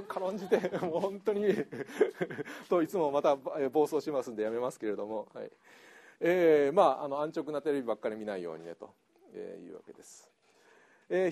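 A middle-aged man, an English teacher giving a chatty lecture that is full of laughter. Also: a little high. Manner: lively, chatty, laughs often, slips into Kansai dialect. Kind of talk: lecture to an audience.

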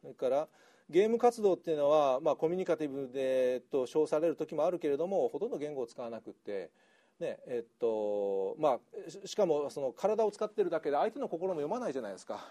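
Lecturing an audience, a middle-aged English teacher keeps things lively and chatty, laughing often and drifting into Kansai dialect. He talks fast, with a voice on the high side.

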